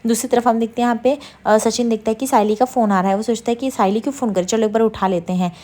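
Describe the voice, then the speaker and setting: Fast-talking woman retelling a serial. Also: on the high side, fairly even intonation, mellow. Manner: retells scenes with quoted dialogue. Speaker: serial recap narrator. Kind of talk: casual plot retelling.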